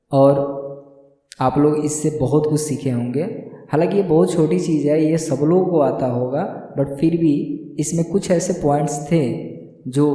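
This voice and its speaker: A man explaining grammar slowly and patiently, repeating words and checking that learners follow. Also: on the high side, mellow. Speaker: English teacher. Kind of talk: slow classroom explanation. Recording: very echoey room with long reverb.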